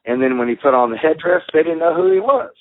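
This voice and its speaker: A man's voice: on the high side, fast, no echo. A middle-aged man from Texas, a former wrestler telling stories bluntly with plenty of swearing, heard over a phone line. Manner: blunt, swears freely, acts out others' lines. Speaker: guest, former pro wrestler. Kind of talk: casual storytelling. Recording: dry phone-line call.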